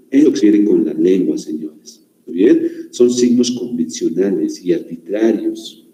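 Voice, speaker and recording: A man teaches a class, peppering his lecture with questions for his students. His voice sits low and sounds warm and dark. The room around him is echoey. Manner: questioning, checks in with listeners often.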